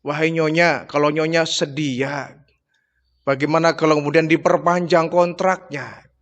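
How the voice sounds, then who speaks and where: A tearful, devoted nursing mother who begs to keep the child she raised, as a male preacher puts her on. The voice rides high and emotional. A long reverb trails every line. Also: level tone, unhurried. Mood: tearful pleading. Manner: emotional, pleading storytelling voice.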